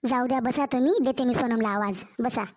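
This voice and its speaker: Cartoon mother-in-law with a Marathwada Marathi accent: high, scolding, sharp-tongued, voiced by a woman. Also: steady tone, brisk, natural voice. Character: scolding nagging middle-aged mother-in-law.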